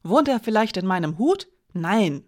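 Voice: normal speed, lightly acted. A narrator voicing a gaunt male chamberlain who wails his protests, in an audiobook. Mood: whining indignant. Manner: wailing, high-strung protests.

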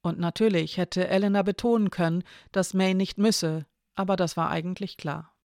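A calm reader narrating a novel aloud, giving the dialogue only light shading. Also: mid-range voice, normal speed, no echo, studio quality. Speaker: audiobook narrator.

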